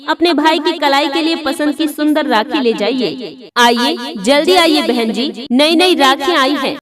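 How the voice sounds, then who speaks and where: A woman reading a scripted promotional announcement as a street vendor's announcer, calling out repeated invitations like a hawker. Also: high voice.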